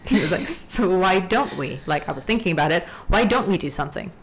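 A young woman from Hong Kong telling a story in a casual podcast chat, ranty and animated. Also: fairly low pitch, brisk, slight background noise. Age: young adult. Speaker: guest.

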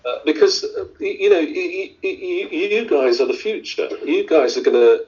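A middle-aged Indian surgeon, appearing as an interview guest, answers questions thoughtfully with many fillers and restarts. His voice is on the high side and a little mellow, with lively intonation and normal speed, captured in dull lo-fi audio.

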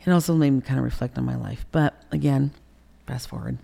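Brief: middle-aged woman, mellow gravelly tone, candid interview guest, emotional, swears, acts out quotes. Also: a bass voice, fairly quick. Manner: emotional, profane, re-enacts quotes with sudden loud bursts.

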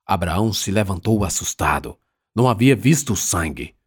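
A man narrates an audiobook with measured, dramatic pacing. His voice sits low and has a husky texture. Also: expressive, no echo, studio quality. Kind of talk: scripted narration.

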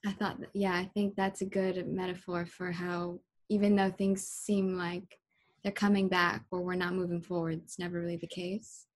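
A woman guest in an interview, speaking softly and thoughtfully with frequent pauses. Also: lowish voice, level tone. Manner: soft-spoken, thoughtful, hesitant. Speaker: interview guest, model and photographer. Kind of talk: casual interview chat.

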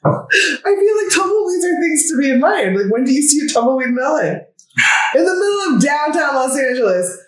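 Animated, laughing podcast co-host. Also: sits high, brisk. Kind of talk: casual chat. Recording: echoey room.

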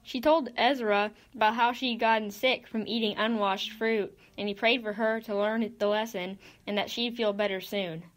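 A woman narrating a children's Bible story in an even, clear read-aloud manner. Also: fairly high pitch, normal speed, hardly any pauses, dry recording.

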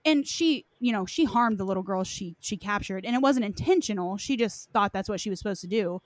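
On a podcast about game lore, a woman co-discussant chats casually and loosely, sharing her opinions in an informal conversation. Her medium-pitched voice has lively intonation and a brisk pace, with no room sound.

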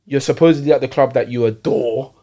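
Man, London roadman accent, medium pitch, casual football debate, street slang, repetitive delivery. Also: fast, warm tone. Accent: London, urban roadman. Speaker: football show panellist.

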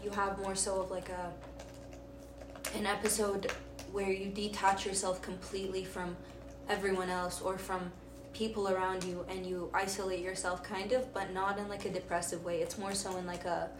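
A woman's voice: medium pitch, level tone, moderate pace. A woman co-hosting a casual podcast chat, rambling with many fillers and reading aloud from her phone. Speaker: podcast co-host. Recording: roomy and distant, noisy.

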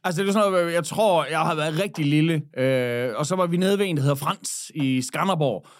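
A man from Jutland, a podcast guest, telling stories in casual chat and swearing freely. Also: fairly high pitch. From Jutland, Denmark. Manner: animated storyteller, swears freely.

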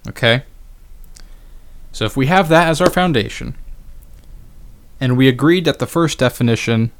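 A man talking through his own solo podcast, loose and conversational. He pauses often on fillers and drops dry, sarcastic remarks. His pitch sits at a middling level for a man. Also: expressive. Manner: conversational, many fillers, wry sarcastic asides. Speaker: podcast host. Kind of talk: casual solo podcast monologue.

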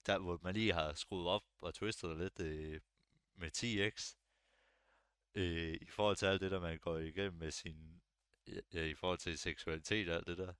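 A young man chatting casually on a podcast, relaxed and hesitant, with lots of fillers and restarts. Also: deep voice, clear, resonant tone, dry recording, clean studio sound. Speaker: podcast co-host. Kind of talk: casual chat.

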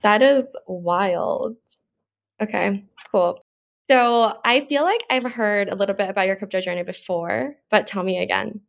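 A woman hosts a casual podcast interview, her voice full of a gravelly vocal fry. She keeps it chatty, tossing in quick "yeah" and "mm-hmm" affirmations between her questions. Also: medium pitch. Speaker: podcast host.

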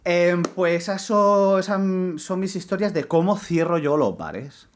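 A young man chatting on a podcast, rambling through his own stories. He stumbles and restarts often, then jumps into lively retellings, voicing the people in his story. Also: sits high, unhurried, slight background noise. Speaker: podcast co-host. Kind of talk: casual chat, storytelling.

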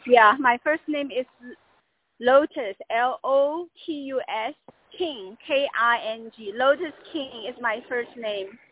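Female caller, high voice, halting unscripted complaint over thin phone audio. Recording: tinny dry phone line.

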